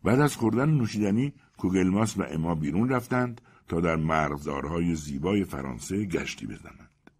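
A man narrating an audiobook story with expressive storytelling. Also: low-pitched, husky. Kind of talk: scripted narration.

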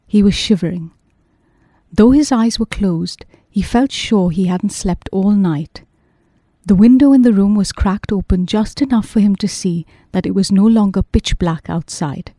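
Woman narrator, audiobook, measured even read, mellow dark tone, dry studio. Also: medium pitch, dry recording.

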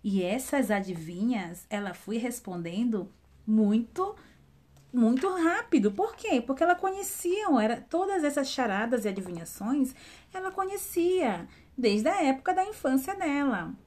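A woman narrates a children's story in an unhurried, lively way. Her fairly high voice rises and falls widely, and she keeps turning to her young listeners with questions. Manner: animated, asks listeners questions directly.

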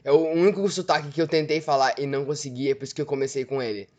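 A man's voice: on the high side, steady tone, rapid-fire, a little mellow. A man hosting his own show in a casual, rambling, informal monologue that often corrects itself. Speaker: show host.

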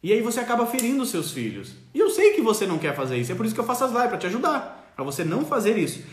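A man's voice: high voice, wildly swooping pitch, very fast, reverberant. A man hosting a casual live stream of parenting advice, talking animatedly and acting out parents and children as he goes.

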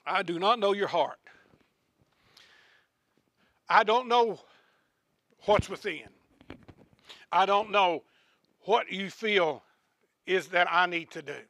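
A man preaching a sermon, repeating questions to the congregation and ending in a hushed prayer. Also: sits high, takes it slowly, long pauses, no room sound. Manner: rising to shouts of praise, then hushed prayer.

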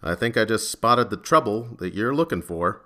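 A man voicing a fat, gruff middle-aged bartender who talks in a grumbling, shrewd way, in an audio story. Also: lowish voice, animated, moderate pace, bright, forceful tone. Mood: gruff, wry.

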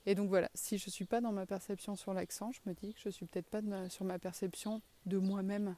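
A woman from the southwest of France talks on her own podcast with a strong regional accent and a mellow, warm tone. She walks around her garden as she talks, speaking candidly, running herself down and swearing now and then. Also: medium pitch, level tone, a little fast. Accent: southwest French. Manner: candid, self-deprecating, casual swearing. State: walking while talking. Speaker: podcast host. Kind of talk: casual solo podcast monologue. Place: outdoors in her garden, walking in circles.

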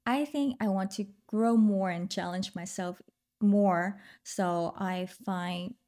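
A woman's voice: mid-range voice, takes it slowly, mellow. A young woman from Vietnam with a Vietnamese accent, talking as a podcast guest in a hesitant, filler-heavy way. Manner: hesitant, many fillers, laughs lightly. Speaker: guest singer. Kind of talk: casual interview chat.

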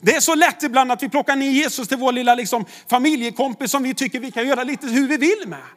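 A man's voice: very high-pitched, fairly bright tone. A man, a pastor, preaching a sermon in a conversational way, with rhetorical questions to the congregation.

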